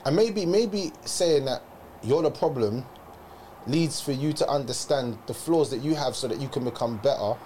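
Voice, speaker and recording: A man's voice: medium pitch, expressive, moderate pace, dark tone, slight background noise. A young man, talking emphatically in a casual chat and lecturing his friend in heavy slang.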